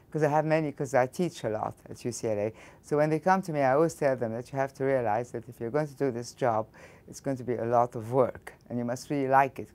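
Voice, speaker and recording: In a studio interview with a backdrop behind her, an older woman from Egypt responds as a physics professor. Her voice is very deep and darkish, carrying an Egyptian accent, and she frequently begins sentences over while considering her answers.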